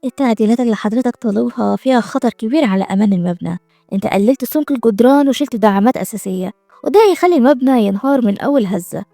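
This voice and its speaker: A proud young assistant who speaks pointedly and doubts what she is told, voiced by the woman reading a drama recap. She has an Egyptian Arabic accent, a gravelly edge and a fast, dark delivery. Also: fairly high pitch, lively intonation, dry recording, studio quality, faint music behind. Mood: earnest.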